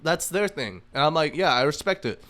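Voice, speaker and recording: An American man in his early twenties from Massachusetts chats casually as a podcast guest, informal and sweary, constantly checking in with a rhetorical "right?". His voice is on the high side, sing-song and fairly bright, and he talks briskly.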